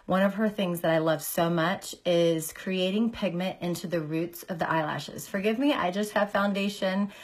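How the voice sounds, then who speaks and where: A woman in her forties, a makeup artist, chatting through a casual makeup tutorial on a phone camera, her voice deeper as she recovers from illness. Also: normal speed, hardly any pauses. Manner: chatty, filler-heavy, greets viewers by name. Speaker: makeup artist and beauty seller. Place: small indoor room. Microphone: phone camera at arm's length.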